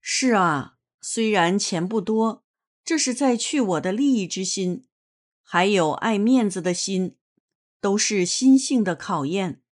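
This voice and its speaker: Woman narrator, unhurried, earnest read-aloud testimony, mid pitch. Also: expressive. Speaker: reader of a personal testimony.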